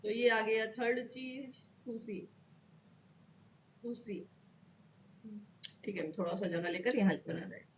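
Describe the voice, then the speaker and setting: Woman law tutor, fairly high voice, patient step-by-step lecture, keeps checking "okay". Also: steady tone, unhurried, long pauses, a little hiss or hum. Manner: checks in often with "okay", repeats key terms. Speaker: law teacher. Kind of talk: explanatory lecture to students.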